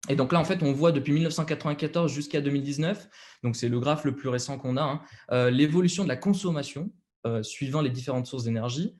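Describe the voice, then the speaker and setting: A man's voice: medium pitch, fast, a little mellow. A young man with a French accent presenting slides over a video call, hesitant, with many fillers and restarts.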